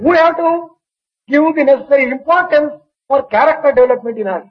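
A man translating a spiritual discourse line by line, in measured, deliberate phrasing. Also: very high voice, lo-fi sound. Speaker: interpreter.

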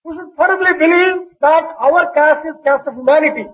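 A man translating a spiritual discourse line by line, in measured, deliberate phrasing. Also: very high voice, lo-fi sound. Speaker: interpreter.

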